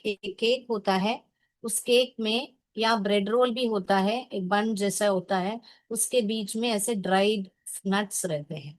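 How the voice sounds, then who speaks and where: A woman teacher walks her pupils through a poem in an online class, speaking slowly and patiently. Her voice is dry and close, with the plain sound of a video call. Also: mid-range voice, dry recording. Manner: patient, mixes Hindi and English, calls pupils "beta". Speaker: English teacher.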